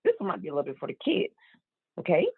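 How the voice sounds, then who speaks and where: A woman voicing a signed comedy act, telling funny family stories in a lively way with fillers and restarts. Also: lowish voice, very fast, gravelly, breathy edge, no room sound. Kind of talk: interpreted comic storytelling. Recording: tinny, phone-like, dry.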